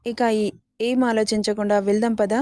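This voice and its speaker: A soft, flat-voiced temptress, read by a woman. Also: mid-range voice, normal speed, no echo, studio quality, natural voice. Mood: pleading.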